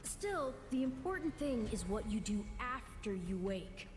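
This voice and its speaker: A woman's voice: a little high, very animated, measured pace, background noise. A woman voicing a haughty, childlike otherworldly being in a video game, with a formal, teasing, condescending manner. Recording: long reverb, loud background ambience.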